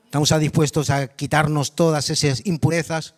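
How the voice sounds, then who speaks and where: High-voiced pastor preaching. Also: male voice, moderate pace. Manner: animated, dramatic storytelling with repetition; addresses the congregation directly with questions. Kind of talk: sermon. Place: church congregation.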